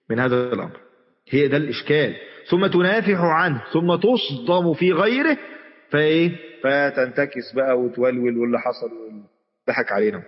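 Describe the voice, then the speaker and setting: A man's voice: medium pitch, big-room sound, highs cut off. A man with an Egyptian accent giving a chatty religious lesson, speaking straight to his audience and often restarting his sentences. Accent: Egyptian Arabic. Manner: chatty, addresses the audience directly, frequent restarts. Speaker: sheikh giving an Islamic lesson.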